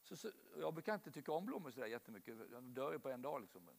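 A man's voice: medium pitch, very animated, gravelly, in a large hall. A man preaching a sermon, telling stories and addressing the congregation directly.

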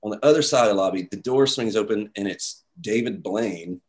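Animated man telling a story. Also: fairly low pitch, brisk. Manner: animated, acts out quotes, many fillers. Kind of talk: casual storytelling.

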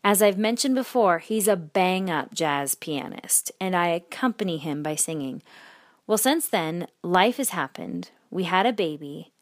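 A woman podcast host reading a personal story aloud in a measured, expressive storytelling way. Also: fairly low pitch, no echo, studio quality.

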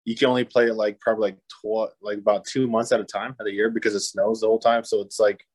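A man raised in Japan, talking as a podcast guest in an easygoing, upbeat way with many pauses. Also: on the low side, flat delivery, darkish tone, dry recording, poor audio. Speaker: podcast guest, disc golf player. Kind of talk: casual interview chat.

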